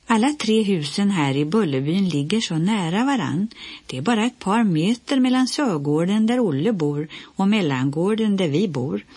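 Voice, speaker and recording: A woman reading a children's book aloud in a gentle storytelling manner. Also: mid-range voice, lively intonation, breathy edge, no room sound. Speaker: audiobook reader.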